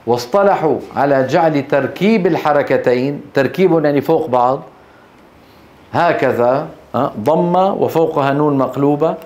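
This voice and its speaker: A middle-aged man, teaching a classroom lesson on Quran recitation rules, explaining step by step and quizzing his students with quick questions. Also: medium pitch, darkish tone. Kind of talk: classroom lecture on tajweed.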